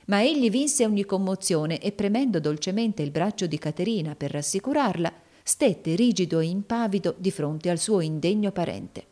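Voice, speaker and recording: A woman reading a classic novel aloud in measured narration. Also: mid-range voice, animated, mellow. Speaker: audiobook narrator.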